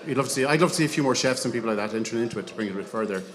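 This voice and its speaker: Man, west of Ireland accent, quick casual talk, self-deprecating humour, crowd behind. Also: medium pitch. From County Mayo, Ireland. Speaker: head chef and competitor. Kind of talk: casual interview chat. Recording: live event with crowd behind.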